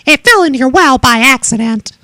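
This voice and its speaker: Storybook boy, honest and polite: high, bright, lively. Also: brisk, dry recording, studio quality, exaggerated voice. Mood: earnest. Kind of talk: storybook read-aloud.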